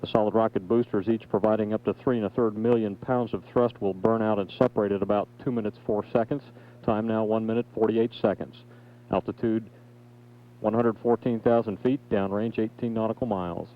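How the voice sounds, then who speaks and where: A man giving measured, factual mission control radio commentary on a flight's status. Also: on the low side, steady tone. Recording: dull feed with faint noise.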